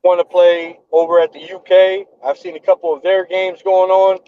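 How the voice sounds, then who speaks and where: Man in his thirties, podcast host, earnest, repeats himself, slightly high voice, dull dry call sound. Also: flat delivery, normal speed, clear, resonant tone. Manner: earnest, repeats phrases while building a point. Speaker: podcast host and event organizer. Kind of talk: casual chat.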